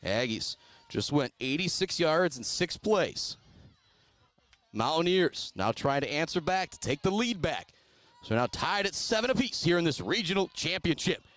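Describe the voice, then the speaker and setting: Excitable high-voiced man calling football. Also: normal speed, no echo. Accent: Michigan. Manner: excitable, rises to shouting on big plays. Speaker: play-by-play announcer. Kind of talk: radio sports commentary.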